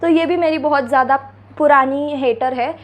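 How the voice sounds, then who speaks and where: A woman's voice: high voice, moderate pace. A young woman vlogging from a chair, answering critics with sarcasm, on a clip-on mic. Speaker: beauty vlogger. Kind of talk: casual reaction vlog. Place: seated indoors before a ring light and backdrop.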